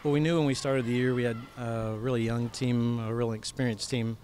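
A middle-aged coach speaks into a handheld mic in a bowling alley after a match. His tone stays flat and he halts on many fillers and restarts, with faint hall noise behind him. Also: mid-range voice, brisk. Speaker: head coach. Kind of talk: post-game interview. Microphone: handheld microphone.

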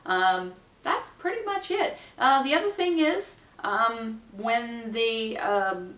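Her voice a little high and expressive, a woman in her forties takes things slowly as she gives practical training to camera as a wedding minister. She keeps it chatty and acts out quotes playfully with a bright lilt. It's recorded indoors in a small home room by a camera mic at a distance, so it sounds roomy.

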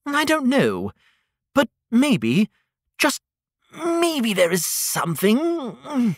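An excitable hedgehog art student from a children's storybook podcast, acted out by a man. The delivery is grand and dramatic, with key words stretched out and pitch swinging wildly. The recording is close and dry. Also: very slow, no room sound, heavily acted. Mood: pondering. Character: excitable, theatrical male hedgehog, earnest young art student.

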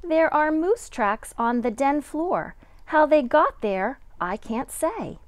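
A middle-aged kindergarten teacher reads a picture book aloud to young children, using deliberate, sing-song dramatic emphasis. Her voice is high and very animated, with no echo.

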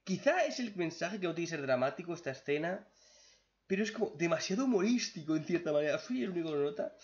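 Young male reaction youtuber, Spain Spanish accent, excitable and foul-mouthed, slightly dull lo-fi mic. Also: a little high, quick pace. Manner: excitable, swears freely. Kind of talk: casual reaction commentary.

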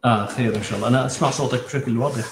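A man's voice: medium pitch, very fast, echoey room, background noise. A man hosting an online session, politely reading out audience questions to the guest teacher. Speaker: host and moderator. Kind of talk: moderating an online Q&A.

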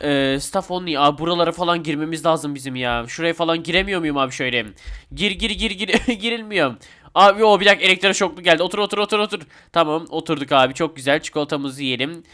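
Excitable young man voicing gameplay. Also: a little high, fast. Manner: excitable, chatty, addresses viewers as friends. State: a bit sick. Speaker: gaming YouTuber. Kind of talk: Roblox gameplay commentary.

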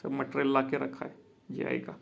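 With a mid-range voice, vocal fry and lively intonation at normal speed, a man from Maharashtra, India, shows viewers a rooftop solar job. He owns the business and does installations, filming outdoors on a handheld phone. His talk is plain and repetitive, and he greets the audience as friends.

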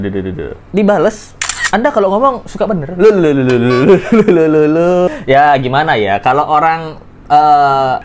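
A man's voice: fairly high pitch, darkish tone, slight background noise. A man giving joking reaction commentary on clips, laughing often. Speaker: commentary vlogger.

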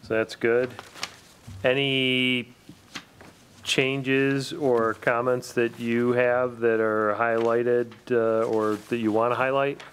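A man chairing a town planning board meeting in a relaxed, casual way with plenty of fillers. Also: mid-range voice, slow. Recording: faint background noise.

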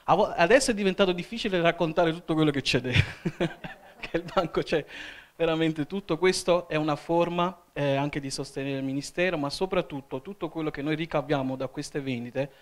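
A man's voice: a little high, brisk. A man from Italy leading a church sermon, his voice sitting a little above the usual male range. He keeps checking in with the congregation, asking "Amen?" between his points. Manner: calls out "Amen?" to the congregation often. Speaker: evangelist. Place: church hall.

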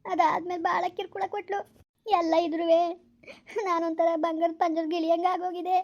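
A woman's voice: very high voice, little pitch movement, normal speed. A woman doing a tearful village mother's ghost. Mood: wistful. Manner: lamenting, tearful. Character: grieving dead village mother's spirit. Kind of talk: village skit acting. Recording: dull lo-fi recording.

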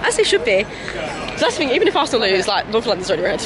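A young woman with a cold, vlogging casually and excitedly with lots of fillers. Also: medium pitch, very fast. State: has a cold. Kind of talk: casual match-day vlog. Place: train stations and streets in a city. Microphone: phone held in hand while filming. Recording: phone vlog with crowd and street noise. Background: busy crowds and traffic noise.

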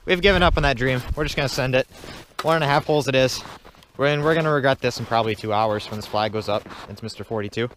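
A young man with a medium-pitched, slightly bright voice talks fast, joking and playful, in a casual ice fishing vlog. He's on an open frozen lake and later inside an ice fishing tent, caught on an action camera held at arm's length or set nearby. The audio is poor, with a little hiss or hum.

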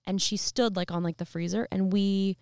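Speaking at a moderate pace with a medium, slightly mellow and smooth voice and fairly even intonation, a young podcast co-host chats by an outdoor fire pit. She rambles through her story with plenty of fillers into a handheld mic, and the audio is dry and studio-grade.

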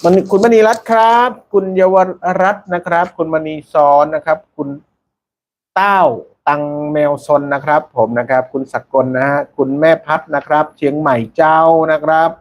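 A man's voice: fairly high pitch, moderate pace. A man hosting a casual live stream, chatting with viewers and reading out their names, peppering his talk with polite particles.

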